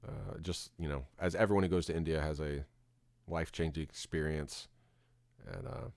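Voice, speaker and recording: Deep-voiced man chatting while gaming. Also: animated, normal speed, vocal fry, darkish tone, dry recording. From Florida, USA. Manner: rambling, with many restarts and fillers. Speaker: streamer. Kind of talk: casual chat while gaming.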